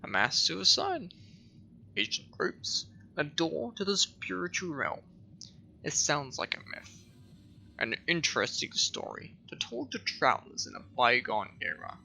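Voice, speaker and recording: A man reading a weary, haunted detective's thoughts aloud in a quiet, brooding tone. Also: on the high side, wildly swooping pitch, a little slow, vocal fry, slight background noise, voice pushed up, exaggerated voice. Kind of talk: reading game dialogue aloud.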